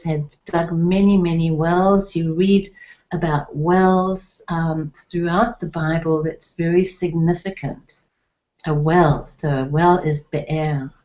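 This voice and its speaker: Woman Hebrew teacher, slow careful lesson, lowish voice, muffled lo-fi sound. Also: darkish tone. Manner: patient, spells out sounds and letters. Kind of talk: slow, deliberate online lesson. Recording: dull lo-fi recording.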